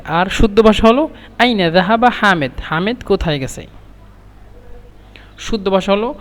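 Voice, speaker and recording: A man teaching Arabic phrases, repeating each phrase slowly and then translating it. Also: sits high, long reverb tail.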